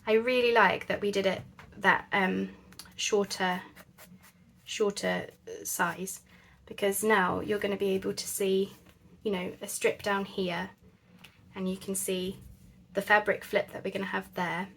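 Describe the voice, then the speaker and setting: A woman's voice: mid-range voice, little pitch movement, moderate pace, creaky, a bit bright, a little hiss or hum. A woman chatting casually as she works on a craft project, thinking aloud with lots of fillers. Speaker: crafting channel host.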